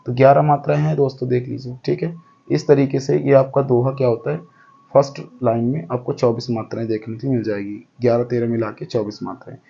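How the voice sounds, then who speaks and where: Gravelly, dark-voiced male teacher. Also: medium pitch, level tone, brisk, muffled recording. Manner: step-by-step, counting aloud, often checks understanding. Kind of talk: explaining a lesson.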